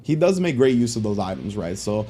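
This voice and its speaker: A man's voice: fairly low pitch, big pitch swings, mellow, slight background noise. A man co-commentating a fighting game tournament, breaking down matchups analytically. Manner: analytical, rapid-fire breakdowns. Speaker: esports co-commentator.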